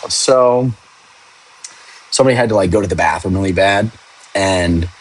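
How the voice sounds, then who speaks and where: In a rough recording, a young man who works as a police officer answers livestream viewers in a low voice at normal speed. He chats casually and frankly, rambling on and swearing every so often.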